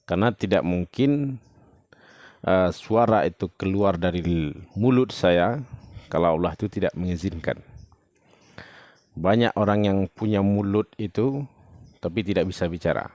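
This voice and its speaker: Low-voiced man giving a plain religious talk. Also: measured pace, pauses often, darkish tone, no room sound. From West Sumatra, Indonesia. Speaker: religious video teacher. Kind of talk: informal religious talk to camera.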